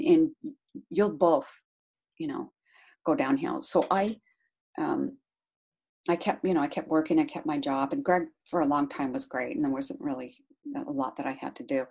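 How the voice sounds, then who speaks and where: A middle-aged woman talking about being a caregiver, chatty and animated, laughing often as she tells a story. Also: sits low, a little slow, slightly rough. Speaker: guest, caregiver to her husband. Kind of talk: casual interview storytelling.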